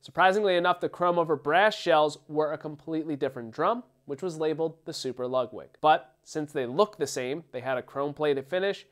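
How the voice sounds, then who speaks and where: A man's voice: fairly high pitch, a little fast, few pauses, a bit bright. A man with a Philadelphia accent hosting a channel, explaining gear details in an upbeat, casual way. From Philadelphia, USA. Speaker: drum channel host. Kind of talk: casual product demo talk.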